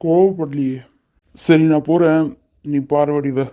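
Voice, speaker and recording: A woman's voice: sits low, fairly even intonation, takes it slowly, warm tone, dull audio. A woman voicing a teasing, lovestruck young man in a cartoon, coaxing and playfully bossy. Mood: tender. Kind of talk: cartoon voice acting.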